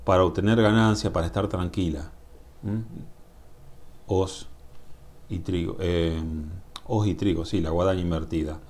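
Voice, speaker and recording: Low-voiced Rioplatense man reading tarot. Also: fairly even intonation, a little mellow, a little hiss or hum. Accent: Rioplatense Spanish. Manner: musing, drawn-out, asks "mm?" to the viewer. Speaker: tarot reader. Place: indoors at a table. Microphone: camera above the table, speaker off-screen.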